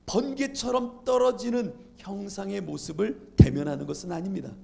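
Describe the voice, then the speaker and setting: A man preaching a sermon in a high, heavily gravelly voice. He slows right down on the phrases he wants to land. He keeps throwing rhetorical questions back at the congregation. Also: darkish tone. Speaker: pastor.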